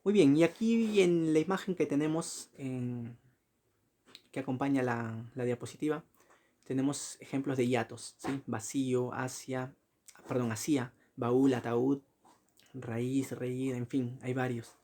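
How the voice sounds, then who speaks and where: A man giving a recorded slide lecture, often correcting himself, asking short checking questions and spelling out examples slowly. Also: medium pitch, steady tone, mellow. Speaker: teacher.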